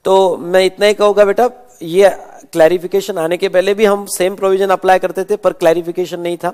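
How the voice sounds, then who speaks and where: A man's voice: sits high, a little mellow, big-room sound. A man giving an exam revision lecture, calling students "beta" and repeating points with frequent "okay". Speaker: teacher.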